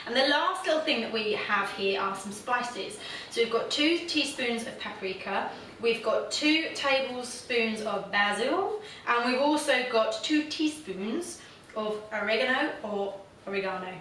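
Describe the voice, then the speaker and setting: A woman's voice: on the high side, animated, unhurried, a bit bright, recorded from a distance, slight background noise. A woman hosting a casual home cooking demonstration, chatty and self-deprecating, with plenty of fillers. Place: home kitchen. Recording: very echoey room, voice from off the mic.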